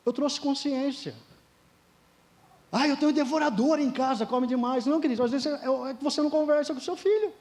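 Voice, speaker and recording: A man's voice: very high voice, a little mellow. A middle-aged Brazilian man preaching a sermon at a church service, emphatic, often calling his listeners dear ones. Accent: Brazilian Portuguese. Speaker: pastor.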